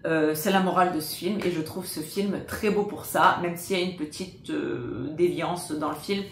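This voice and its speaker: A woman talks through a few favourite films in a relaxed, unscripted way. She hesitates often and fills gaps with little pauses, though her enthusiasm comes through. Her voice sits a little low, and the room around her rings with echo. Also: a little hiss or hum. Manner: hesitant, many filler pauses, warmly enthusiastic. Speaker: film recommender. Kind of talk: casual spoken film recommendations.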